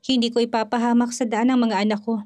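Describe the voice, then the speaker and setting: Woman reading a gentle, firm young father. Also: a little high, flat delivery, quick pace, close to an everyday voice.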